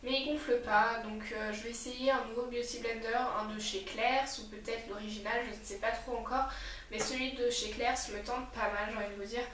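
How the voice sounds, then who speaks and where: A woman's voice: a little high, steady tone, fairly quick, a bit bright, reverberant, slight background noise, poor audio. A woman beauty vlogger reviewing a makeup kit in a rambling, chatty way, talking straight to her viewers. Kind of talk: casual makeup review and tutorial.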